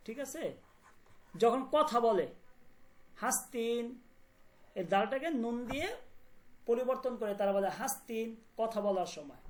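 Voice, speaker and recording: A woman teaching a language class online, explaining words slowly and often asking whether students follow. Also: a little high. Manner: repeats words and checks understanding often.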